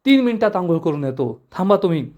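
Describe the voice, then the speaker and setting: A man's voice: high voice, big pitch swings, fast talker, darkish tone, muffled recording. A man voicing an eager young male student who insists on coming along. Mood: insistent. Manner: insistent, bargaining.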